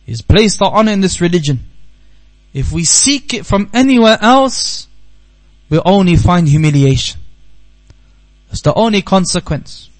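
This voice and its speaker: A man from the UK gives an earnest religious talk at a seminar in a high, raised voice, driving his points home by repeating them. A low electrical hum runs underneath the recording. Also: animated, a little slow, pauses often, poor audio. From United Kingdom. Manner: earnest storytelling, repeats key phrases for emphasis. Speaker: Islamic teacher. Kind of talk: Q&A talk after a religious lesson. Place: seminar hall.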